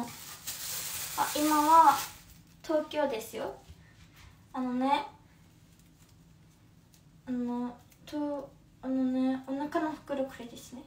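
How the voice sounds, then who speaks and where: A woman's voice: high-pitched, darkish tone, a little hiss or hum. A woman of twenty with a Kumamoto accent, chatting casually with viewers on a livestream and using lots of fillers. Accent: Kumamoto dialect. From Kumamoto, Japan. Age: 20s. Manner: chatty, friendly, with many fillers. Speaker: livestream host. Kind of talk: casual livestream chat reading comments. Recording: echoey room, phone held far off.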